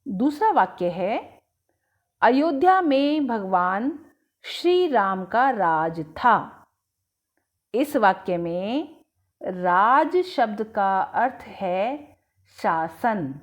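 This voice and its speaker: A woman teaching a language lesson in slow, scripted narration, drawing out each word with deliberate enunciation. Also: medium pitch, sing-song. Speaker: Hindi teacher.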